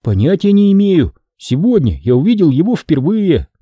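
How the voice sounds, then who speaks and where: A man voicing an earnest, excitable boy in an audiobook story. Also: on the high side, moderate pace, slightly rough, dry recording, highs cut off, voice pushed up. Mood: friendly. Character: worried boy, polite and excitable.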